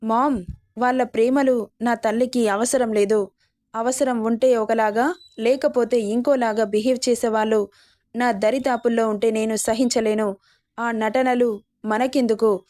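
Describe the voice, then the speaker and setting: A woman's voice: a little high, a little mellow, dry recording, clean studio sound, lightly acted. A woman reading the lines of a young man who speaks bluntly and defiantly to his relatives and mother in a storybook narration.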